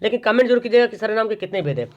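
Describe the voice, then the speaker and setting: A man with a high voice and lively intonation talks very fast while teaching an online exam-prep grammar lesson. He drills by asking questions and answering them himself, and the recording is dull and lo-fi.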